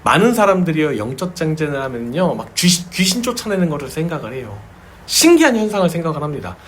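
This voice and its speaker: A man pastor delivers a sermon at a small home church, with a fairly high voice that swings widely in pitch. He tells stories with vivid sound words and sudden acted cries. A faint noise sits under the recording. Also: sing-song, quick pace.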